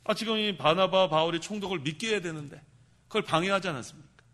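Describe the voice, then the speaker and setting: A male pastor delivers a sermon in a bright, slightly high voice. He keeps quizzing the congregation and then supplies the answers himself. His loud emphatic bursts fall away to quiet remarks. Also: fast. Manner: animated, asks the congregation questions and answers them himself; shouts for emphasis, then drops low.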